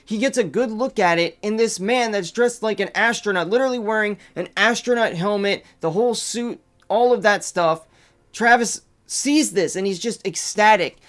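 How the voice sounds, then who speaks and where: A man's voice: high-pitched, moderate pace, fairly bright tone. A man narrating a true story in a casual, conversational way, with loose phrasing and fillers.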